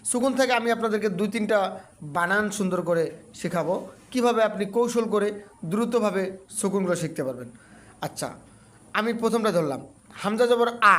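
High-voiced man teaching Quran letters. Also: a bit bright. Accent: Bangladeshi Bengali. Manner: slow, repetitive, sounds out letters syllable by syllable. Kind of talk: step-by-step spoken lesson.

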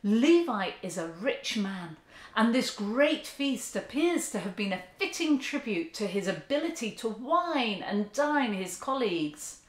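An earnest woman in her fifties preaches to the camera from her sofa, her voice rising and falling in wide, lively swings. The room around her is echoey, and her hands move as she talks. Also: on the high side, measured pace. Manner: earnest, expressive, with open hand gestures. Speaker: church speaker. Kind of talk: sermon talk to camera. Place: living room, seated on a sofa indoors.

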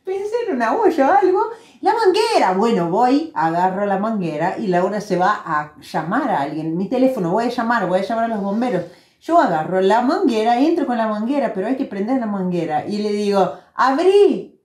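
Animated woman co-host. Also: medium pitch, a little fast. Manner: animated, playful storyteller. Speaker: podcast co-host. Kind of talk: casual podcast chat. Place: room at home. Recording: echoey room at home.

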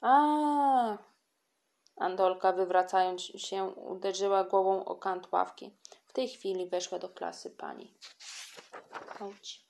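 A woman reading a children's audiobook with lively, expressive storytelling. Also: lowish voice, normal speed, vocal fry. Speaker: audiobook reader.

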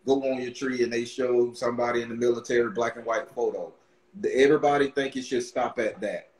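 A fairly quick-talking thirties man from Barbados, a tarot reader and podcast host, rambles through a casual video-call interview, repeating words and restarting in excitement. His medium-pitched voice comes through a webcam in an echoey room with a brick wall behind him, and the recording is rough.

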